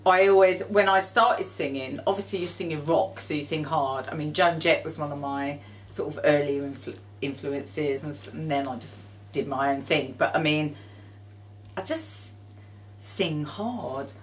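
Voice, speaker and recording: A woman with a notably low-pitched speaking voice talks directly and warmly, readily agreeing with the others. Faint background hiss and room ambience sit under her voice. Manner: direct, friendly, quick to agree. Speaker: rock singer, interviewee. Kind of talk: casual chat.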